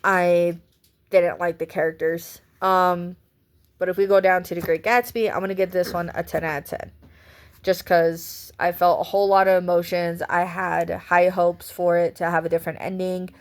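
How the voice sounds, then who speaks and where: A woman's voice: on the low side, flat delivery, normal speed. A woman giving a casual vlog book review in a chatty, rambling way, often breaking into laughs.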